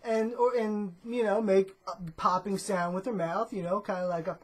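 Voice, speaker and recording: In this casual comedic vlog, the woman's voice is medium-pitched with fairly even intonation and a moderate pace, over slight background noise. She rambles in a drawling stoner-dude style, ending phrases with "man" and filling gaps with "you know" and "uh."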